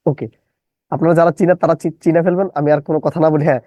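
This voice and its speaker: A man's voice: a little high, steady tone, very fast, dark tone, no echo, rough recording. Give me a male English teacher who drills words syllable by syllable. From Bangladesh. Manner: drills students, repeats questions, spells words out syllable by syllable. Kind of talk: live online English lesson.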